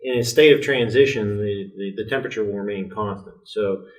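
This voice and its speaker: A man speaking as a podcast guest, explaining things in a measured way with fillers. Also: fairly low pitch, recorded from a distance, rough recording. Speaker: director of quality and training. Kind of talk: casual podcast conversation.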